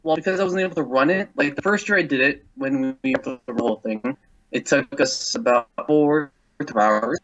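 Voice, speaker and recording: A man's voice: mid-range voice, moderate pace, a bit bright, lo-fi sound. A man in casual podcast chat, telling long rambling stories over a remote line. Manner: rambling, long-winded storytelling. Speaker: podcast panelist.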